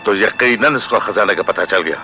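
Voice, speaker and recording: A man's voice: on the low side, normal speed, lightly acted. An actor playing a cruel, scheming royal uncle who is a king, speaking in a menacing, commanding way. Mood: suspicious. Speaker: villain. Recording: film soundtrack with music behind.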